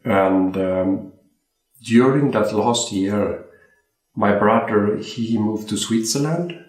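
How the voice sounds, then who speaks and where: In a casual interview chat, a young Swedish watchmaker speaks easily but haltingly about his watchmaking career, restarting and repeating words while he thinks. His voice is very low, and the sound echoes around a room at home.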